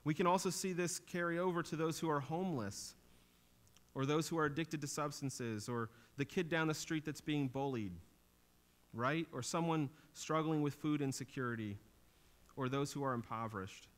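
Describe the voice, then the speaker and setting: A slightly high male voice at a moderate pace belongs to a pastor in his thirties giving a sermon. He earnestly teaches from scripture, raising his tone for emphasis, on a small church stage where a drum kit sits.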